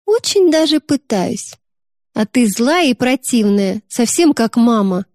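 A woman's voice: a little high, lively intonation, measured pace, a little mellow, no room sound, studio quality. A woman voicing a cheeky, rebellious little girl who whines and sulks. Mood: sulky. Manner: whiny, petulant.

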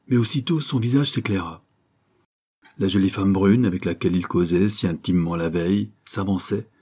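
A man narrates a classic serial novel in a measured, even reading. His voice is deep and dark, with a husky, breathy grain. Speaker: audiobook narrator. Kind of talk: scripted narration.

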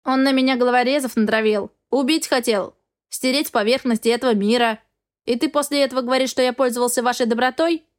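A woman's voice: a little high, steady tone, quick pace, close to an everyday voice. A woman voicing a secretive, blunt young man who is a cat-like shapeshifter in an audiobook. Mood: defensive. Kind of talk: audiobook character reading.

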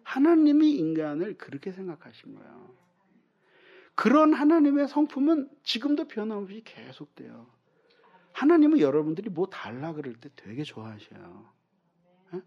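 A man pastor preaching an animated sermon, acting out little dialogues and dropping to whispers at times. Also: sits high, normal speed. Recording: muffled lo-fi sermon recording.

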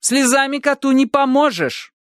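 A woman's voice: high-pitched, expressive, normal speed, no echo, clean studio sound, pitched above the performer's own voice. A man voicing a curt, scolding old grandmother. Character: brisk stern elderly grandmother.

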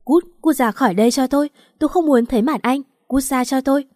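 A woman reading the lines of a young wife who shouts through tears in an audiobook story. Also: fairly high pitch, animated, brisk, no room sound, studio quality, close to an everyday voice. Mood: anguished fury. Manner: shouting, tearful outbursts. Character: young married woman, furious and grief-stricken.

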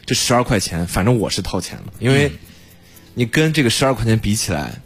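A man's voice: on the low side, very animated, brisk, breathy edge. A male radio co-host explaining a phone app in casual studio chat, often repeating himself to stress a point.

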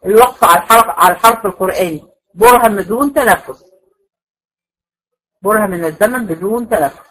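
A woman's voice: mid-range voice, fast, a bit bright, breathy edge, poor audio. A woman with an Egyptian accent teaching Quran recitation rules in a classroom lecture, patiently repeating points and checking that students follow. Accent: Egyptian Arabic.

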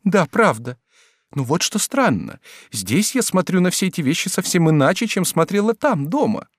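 A man's voice: big pitch swings, dry recording, clean studio sound. Man putting on a timid, pleading young woman. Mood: hesitant. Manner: pleading, drawn-out high voice.

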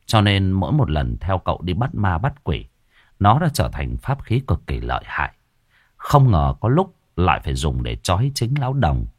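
A man narrating a ghost story in a lively, expressive way. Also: low voice, normal speed, dry recording, clean studio sound.

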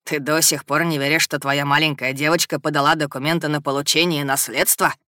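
Man doing a grumpy stern stepdad lord, scolding, bright edgy tone, dry sound. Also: a little high, flat delivery, a little fast, no echo. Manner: scolding, gruff and blustering. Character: stern middle-aged stepfather lord, irritable. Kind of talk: audiobook character reading.

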